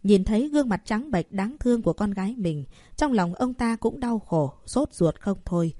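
A woman narrates a novel in an even, steady reading voice of middle pitch. The recording is dry and close, with no room sound. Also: normal speed, no echo. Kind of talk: audiobook narration of a web novel.

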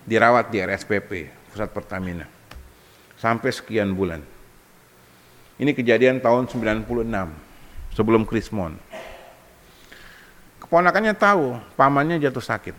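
A man's voice: mid-range voice, slight background noise. A man preaching a humorous Islamic sermon, joking and acting out little scenes as he tells stories. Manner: joking, animated storytelling with acted-out quotes. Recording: long hall reverb.

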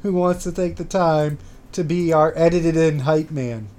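A man's voice: on the high side, unhurried, darkish tone. A man co-hosting a casual movie podcast, dry and teasing in his banter. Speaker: podcast co-host.

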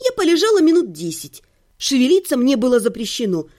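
A woman's voice: high-pitched, very animated, a little fast, mellow. A woman reading a humorous first-person audiobook at home, with a playful, ironic delivery and theatrical exclamations. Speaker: audiobook reader. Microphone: home recording.

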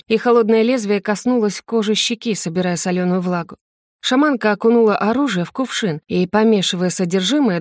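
A woman narrating a first-person fantasy audiobook in a gentle, expressive storytelling manner. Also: mid-range voice, no room sound, clean studio sound.

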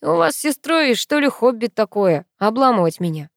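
A woman's voice: fairly high pitch, very animated, normal speed, creaky, dry recording, clean studio sound, pitched above the performer's own voice. Female reader plays a laid-back smirking young man, storybook audio. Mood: amused. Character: relaxed cocky young man, joking and amused.

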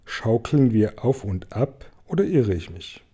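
A man's voice: medium pitch, very animated, measured pace, mellow, husky. A man voicing a polite, delicate female ladybird who speaks timidly.

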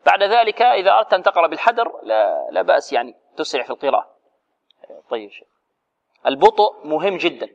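A man's voice: on the high side, sing-song, fast talker, gravelly. A man teaching Quran recitation, correcting students and drilling sounds with rhetorical questions, recorded in a dull echoey hall. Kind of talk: tajweed lesson, correcting students.

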